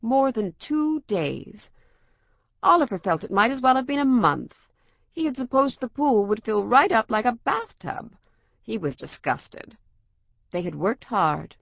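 A woman reads a children's storybook aloud with an expressive, lilting delivery. Her voice carries a gravelly texture. The recording is dry and slightly dull. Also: on the high side, measured pace, no room sound. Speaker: narrator.

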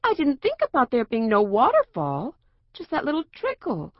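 A woman voicing a plucky, rough-and-tumble young girl who sounds plaintive and doubtful. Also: high-pitched, huge pitch swings, moderate pace, dry recording, dull audio, voice pushed up, full character voice.

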